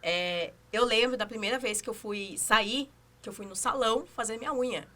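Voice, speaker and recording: A woman's voice: a little high, moderate pace, sharp tone. A young woman chatting as a podcast guest, telling stories animatedly and acting out her own inner voice. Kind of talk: casual podcast chat.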